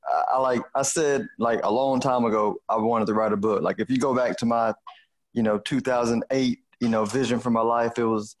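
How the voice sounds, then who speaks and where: This Houston-accented man hosts a podcast and works as a financial advisor, keeping a steady tone at a moderate pace in his mid-range voice. He chats in a relaxed, colloquial way, dropping "you know" again and again.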